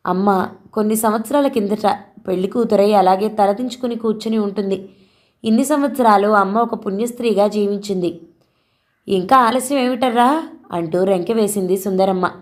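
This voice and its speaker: A woman reads a story aloud with a steady, expressive delivery. Her voice sits at an ordinary middle pitch for a woman. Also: brisk. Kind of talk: scripted audio story narration.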